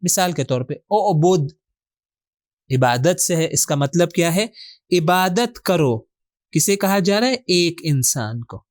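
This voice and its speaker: A man's voice: a little high, lively intonation, no room sound, clean studio sound. A man teaching a word-by-word Quran grammar lesson, posing questions to his students and answering them himself, with English terms mixed into his explanations.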